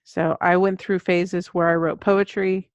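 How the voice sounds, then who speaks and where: Speaking a little slowly in a fairly low, level tone, a middle-aged woman answers interview questions conversationally as a guest who writes children's books. No echo is present, though the lo-fi audio is dull.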